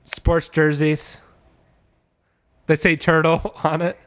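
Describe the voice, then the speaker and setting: Rambling man pitching an idea. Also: monotone, slow, fairly bright tone. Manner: rambling, lots of "like" and "you know". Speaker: comedy podcast host pitching ideas. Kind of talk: casual comedic riffing.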